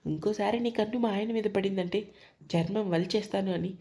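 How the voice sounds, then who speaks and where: A woman's voice: medium pitch, a little fast, mellow, close to an everyday voice. A woman voicing a furious young wife in a storybook reading, menacing and cold as she threatens her in-laws.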